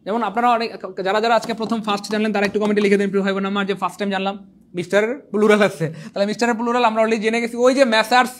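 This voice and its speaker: A young man who teaches an exam prep lecture in an animated, teasing way, repeating points and quizzing his viewers. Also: sits high, racing. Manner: animated, repetitive, teasing, asks the viewers questions. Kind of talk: online lecture.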